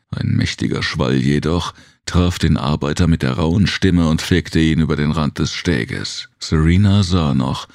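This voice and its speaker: A man reading a science fiction audiobook in measured scripted narration. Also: very deep voice, gravelly, darkish tone, no room sound, studio quality. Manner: measured storytelling.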